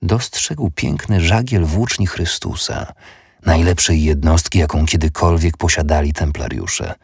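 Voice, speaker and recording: Deep, husky male narrator for a historical audiobook, steady delivery. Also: measured pace, dry recording, clean studio sound.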